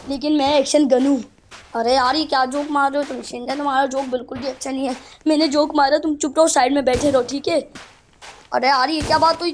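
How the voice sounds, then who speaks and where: A woman playing a game and chatting as several cartoon characters, animated and full of exclamations. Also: high-pitched, a little hiss or hum. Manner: animated, keeps exclaiming and bickering between characters. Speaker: gamer voicing cartoon characters. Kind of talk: casual game commentary with character role-play.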